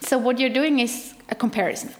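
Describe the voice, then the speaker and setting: A woman conducting an academic interview, putting questions in measured, formal phrasing. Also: a little high.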